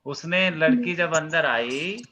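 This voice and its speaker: A male teacher slowly explaining a play to his class, questioning students and acting out the lines. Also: on the high side, bright, forceful tone, slight background noise, low-quality recording.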